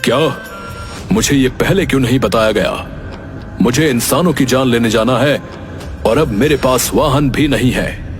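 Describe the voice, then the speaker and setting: A man's voice: medium pitch, measured pace, faint music behind, lightly acted. A man playing a stern, commanding and easily exasperated god of death in a cartoon. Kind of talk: Hindi cartoon dialogue.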